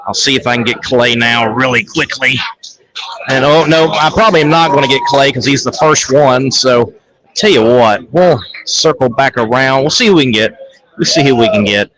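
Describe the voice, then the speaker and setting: A man's voice: medium pitch, moderate pace, crowd noise, low-quality recording. A man hosting live on-site event coverage, chatty and upbeat, often repeating his phrases. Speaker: show host. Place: crowded shop fan fest.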